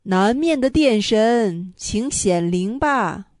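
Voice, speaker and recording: Earnest young boy shaman from a children's audiobook, voiced by a woman narrator; mellow, level tone, bellows his summonings. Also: medium pitch, lively intonation, unhurried, slightly rough, no echo, clean studio sound. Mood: calling out. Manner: earnest, calls out loudly when summoning. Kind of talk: storybook reading.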